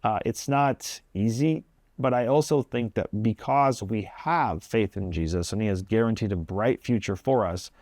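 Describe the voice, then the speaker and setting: A man's voice: lowish voice, normal speed, darkish tone, dry recording, clean studio sound. A man hosting his own video, giving a casual, earnest devotional talk in plain everyday language. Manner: conversational, plain-spoken, earnest. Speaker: video host.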